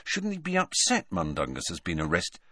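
A man's voice: mid-range voice, expressive, unhurried, pushed and bright, no echo, studio quality. A man voicing a frustrated teenage boy who mutters unsure replies. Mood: muttering.

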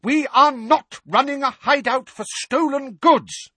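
A man voicing a middle-aged mother shouting furiously at the top of her voice. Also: very high-pitched, measured pace, dry recording, pitched above the performer's own voice, heavily acted. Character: stern mother, middle-aged woman, scolding.

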